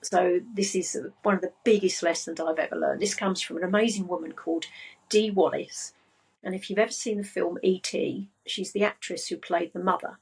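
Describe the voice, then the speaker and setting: A woman with a soft, breathy voice talks at an unhurried, grounded pace. She speaks as a podcast guest and coach, calm and settled throughout. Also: lowish voice, poor audio. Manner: slow, calm and grounded delivery. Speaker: spiritual business and money coach, guest. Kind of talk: casual podcast chat.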